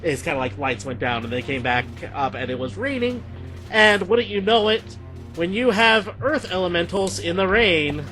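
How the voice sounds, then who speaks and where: A man's voice: high voice, lively intonation, moderate pace, sharp tone, soft background music. A man running a tabletop game as game master, narrating playfully and laughing often.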